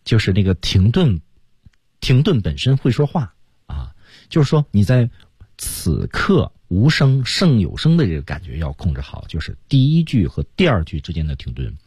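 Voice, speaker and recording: A man's voice: lowish voice, huge pitch swings, moderate pace, a little mellow, breathy edge, no room sound. A man co-hosting a radio lesson, explaining singing technique step by step and singing short phrases to show it. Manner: explains step by step, sings snippets to demonstrate. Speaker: singing coach co-host. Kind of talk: radio teaching talk.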